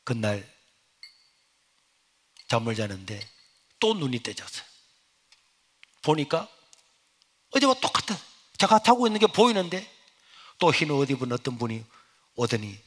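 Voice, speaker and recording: A middle-aged male pastor, preaching a sermon as personal testimony. He swings from loud exclamations to hushed, near-whispered lines. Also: mid-range voice, sing-song, moderate pace, long pauses, husky.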